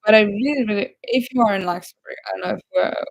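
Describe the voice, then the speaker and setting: A woman's voice: medium pitch, fast, vocal fry, dry recording, lo-fi sound. A woman from Poland, rambling in a casual live chat with viewers. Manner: rambling, chatty, reads viewer comments aloud. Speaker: livestream host.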